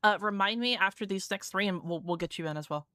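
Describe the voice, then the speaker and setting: A woman's voice: mid-range voice, quick pace, pushed and bright, no room sound, studio quality. A young adult woman hosting a live gaming stream, chatting casually and swearing freely, with lots of "like" fillers. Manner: loose and profane, heavy use of "like" fillers. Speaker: streamer hosting viewer games.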